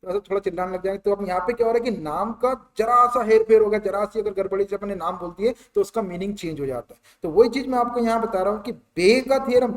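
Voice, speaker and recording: A man's voice: high-pitched, fast talker, hardly any pauses, far from the mic. A male maths teacher giving a chatty classroom lecture, repeating points and explaining with everyday examples.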